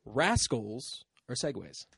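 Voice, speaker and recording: A man's voice: mid-range voice, sing-song, slow, creaky, fairly bright tone, breathy edge, no room sound, clean studio sound. A man chatting casually, swearing freely and tossing out questions. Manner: casual, profane, asks prompting questions. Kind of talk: casual comedic chat.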